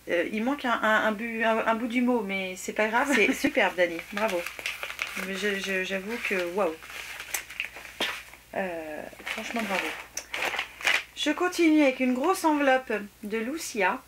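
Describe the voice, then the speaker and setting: A woman with a slightly high voice talks casually to her viewers at home as she opens letters and parcels. She swings between bright exclamations and hushed, breathy murmurs. The home recording carries clear background noise and clicks. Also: a little slow. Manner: chatty, exclaiming, often drops to soft near-whispers. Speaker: beauty vlogger opening fan mail. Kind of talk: casual unboxing chat.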